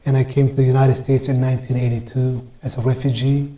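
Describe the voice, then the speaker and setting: A man from Ethiopia, a guest in an interview, answering in a measured way with many pauses and fillers. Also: mid-range voice, level tone, mellow. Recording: roomy echo.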